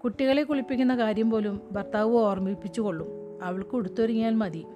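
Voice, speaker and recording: A woman narrating a humorous short story in a steady, wry storytelling manner. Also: a little high, quick pace. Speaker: story reader. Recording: music playing behind.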